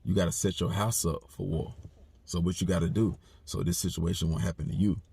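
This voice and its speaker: A man's voice: deep voice, fairly even intonation, fairly quick, vocal fry, warm tone, slightly rough, no room sound. A man giving a blunt, repetitive, streetwise commentary monologue. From United States. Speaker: commentary channel host.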